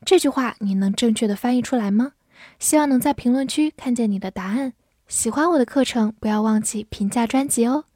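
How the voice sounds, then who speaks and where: A woman teaching English vocabulary in a scripted lesson, reading example sentences slowly and carefully. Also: fairly high pitch, dark tone, dry recording, clean studio sound. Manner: slow, careful model readings.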